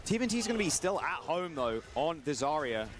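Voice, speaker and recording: A man's voice: a little high, sing-song, slight background noise. A man giving color commentary on an esports match in a casual, joking manner. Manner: casual, laid-back and quick with jokes. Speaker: esports co-caster.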